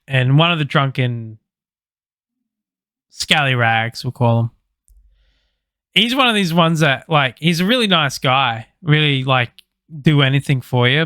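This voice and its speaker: A man's voice: medium pitch, bright, forceful tone, smooth, no room sound. An Australian man co-hosting a podcast, telling rambling stories with plenty of swearing and laughter. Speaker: podcast co-host. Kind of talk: casual chat, storytelling.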